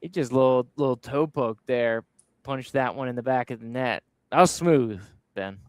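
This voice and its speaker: A man hosts a casual soccer recap, narrating each goal clip with upbeat play-by-play energy. His voice is smooth and clear. The recording is dry and close, with no room sound. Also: mid-range voice, normal speed, dry recording. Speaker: podcast host. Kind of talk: casual sports recap chat.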